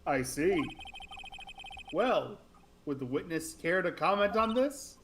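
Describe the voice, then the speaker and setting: A man's voice: a little high, sing-song, slow, noisy background. A man voicing a pompous, easily swayed courtroom judge in a comedic game dub, speaking formally. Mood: stern. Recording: music behind the voice.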